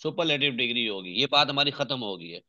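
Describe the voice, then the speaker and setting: A man's voice: mid-range voice, animated, brisk, sharp tone, lo-fi sound. A man teaching English grammar, patient and repeating himself to check understanding. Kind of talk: online English grammar lesson.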